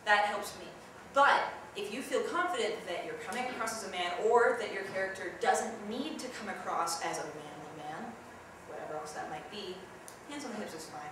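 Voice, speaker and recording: A woman's voice: mid-range voice, lively intonation, brisk, few pauses. Young woman teaching in an echoey hall. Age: young adult. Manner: chatty, demonstrative, jumps into loud yelled examples. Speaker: acting workshop leader. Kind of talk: teaching a theatre workshop. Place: large echoey room. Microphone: distant camera mic. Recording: echoey room from far off, noisy.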